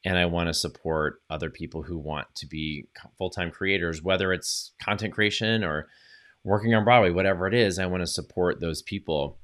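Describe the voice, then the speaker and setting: This man has a deep voice with a fairly bright tone. He hosts his own podcast and coaches on social media, talking alone in a cheerful, rambling way with fillers and corrections of himself as he gets over losing his voice.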